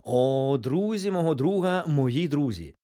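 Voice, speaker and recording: A man's voice: a little high, huge pitch swings, moderate pace, a little mellow, breathy edge, no echo, studio quality, pitched above the performer's own voice, full character voice. A man voicing a kindly, scholarly male bear in a storybook, polite, fussy and easily embarrassed. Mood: welcoming. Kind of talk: storybook character voice.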